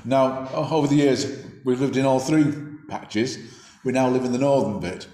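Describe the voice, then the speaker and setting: A man's mellow, middle-pitched voice delivers a sermon at normal speed, echoing around a roomy space. He speaks reflectively and conversationally, now and then starting a phrase over.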